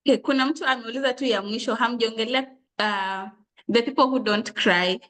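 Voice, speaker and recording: A woman's voice: a little high, fairly quick, a bit bright. A woman with a Kenyan accent moderating a session, briefly relaying questions from the audience.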